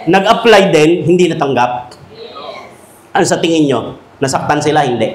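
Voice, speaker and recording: A man giving a humorous, animated talk to teachers in a school hall. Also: fairly high pitch, moderate pace. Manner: animated, joking, acts out quoted voices. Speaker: speaker at a teachers' seminar. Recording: echoey hall.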